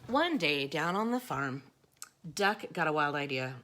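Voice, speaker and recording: Bright, lively woman reading to kids. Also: deep voice, a little slow. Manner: gentle, chatty asides to young listeners. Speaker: storytime reader. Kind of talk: reading picture books aloud to children.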